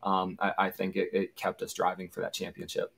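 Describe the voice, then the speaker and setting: A man in his thirties with a lowish voice recounts old game days in a relaxed, anecdotal way. He talks casually as an interview guest and now and then acts out the shouts of the moment. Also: fairly quick, vocal fry, husky. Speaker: guest, former college football punter.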